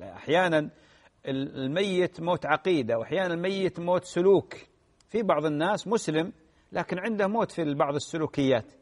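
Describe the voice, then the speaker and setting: A man, a sheikh answering listeners' religious questions in a gentle advisory way. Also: sits high, long reverb tail. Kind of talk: radio religious Q&A.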